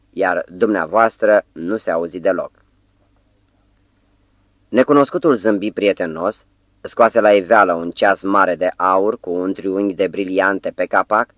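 A man with a very low voice reads an audiobook with measured, even storytelling. He is recorded close and dry, with no room sound. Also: no room sound, lo-fi sound. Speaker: audiobook narrator. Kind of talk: scripted audiobook narration.

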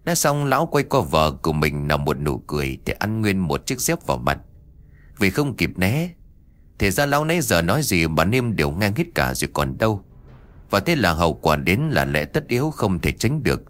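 A man narrating a ghost story with a lively, dramatic reading. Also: low-pitched, normal speed.

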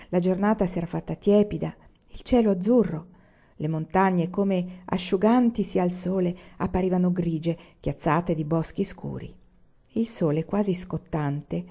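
Woman audiobook reader; low, dark, measured narration, dull lo-fi sound. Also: gravelly. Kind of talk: scripted narration of a novel. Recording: dull lo-fi recording.

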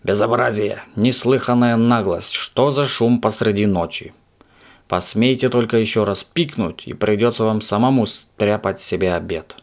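A man voicing an angry, loud middle-aged landlady who scolds her lodger. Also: animated, fairly quick, hardly any pauses, natural voice. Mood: scolding. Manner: shrill, scolding, indignant.

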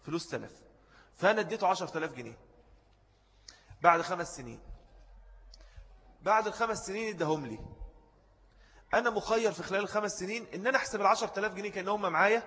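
Speaking quickly in a slightly high voice, a man with an Egyptian Arabic accent gives a lesson on religious jurisprudence. He repeats his main points and pauses to answer students, his expressive, somewhat bright voice fading into a long hall reverb.

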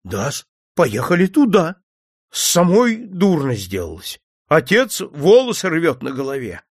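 A man's voice: on the high side, measured pace, no room sound, clean studio sound, exaggerated voice. Man voicing a grumpy old millionaire merchant. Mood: worried. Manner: grumbling, lively.

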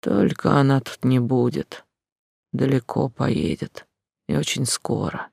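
A reader voicing an old, half-blind village woman who mutters eerie predictions slowly and quietly, in a dry close recording. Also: fairly even intonation, gravelly, breathy edge, no room sound, heavily acted. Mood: ominous mumbling. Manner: slow, low mumbling.

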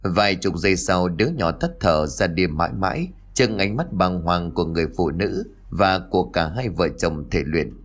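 A man's voice: deep voice, normal speed, hardly any pauses. A man narrating a ghost story in a scripted, dramatic storytelling manner. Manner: expressive storytelling, dramatic rise and fall.

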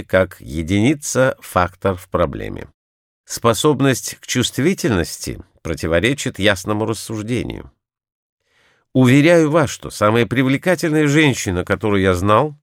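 A man puts on a cool, analytical detective who explains things in a detached, lecturing manner, his lowish voice moving lively up and down. It is an audiobook character reading, dry and close. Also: dry recording. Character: cool analytical male detective, middle-aged.

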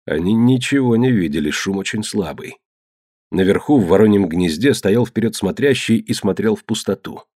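Male audiobook narrator, measured and low, dry close recording. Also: lively intonation, mellow, no echo. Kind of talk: scripted narration.

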